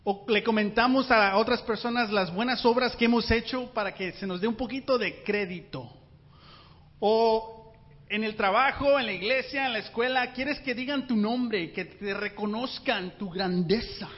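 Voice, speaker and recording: Male pastor, high-pitched, animated sermon delivery, recorded in a reverberant hall. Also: normal speed. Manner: animated, rhetorical questions to the congregation. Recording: muffled sound with long hall reverb.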